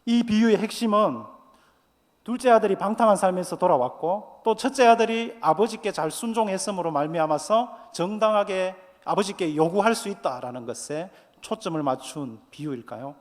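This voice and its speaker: A male pastor delivers an earnest sermon in a slightly high voice, asking his listeners questions and building his points. The sound hangs in a long, reverberant church hall. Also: normal speed. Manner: earnest, with rhetorical questions and quoted scripture.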